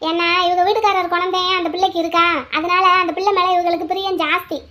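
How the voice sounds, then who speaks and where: A woman's voice: very high-pitched, level tone, quick pace, pushed and bright. Woman voicing a nagging cartoon mother. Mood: complaining. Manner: complaining, gossipy. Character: nagging middle-aged cartoon mother, gossipy and strict.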